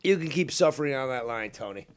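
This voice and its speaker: With a little hiss or hum in the audio, an expressive, fast-talking man of medium pitch streams himself playing a fishing game. His rambling commentary is theatrical, mock-villainous, crude and loaded with swearing.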